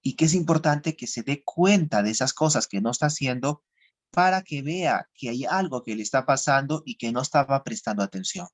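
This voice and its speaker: A man's voice: medium pitch, lively intonation, normal speed. A man teaching an online psychotherapy class, explaining step by step, repeating key phrases and often checking in with listeners. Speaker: psychotherapy lecturer. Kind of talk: online class lecture with role-played examples. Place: home or office, seated for a webcam.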